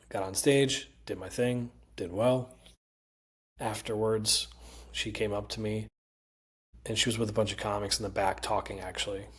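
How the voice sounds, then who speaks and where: A male comedian with a Connecticut accent telling animated, profane stories in casual chat and mimicking other people's voices. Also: on the low side, slightly rough. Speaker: comedian guest. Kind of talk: casual storytelling.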